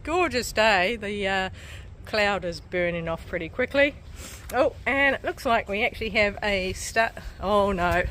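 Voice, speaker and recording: A New Zealand woman in her forties vlogs casually while hiking a coastal trail, narrating in a mid-range, slightly bright voice at a somewhat slow pace. She's chatty, laughs often, and sounds breathy from climbing stairs. There's a little hiss or hum in the audio.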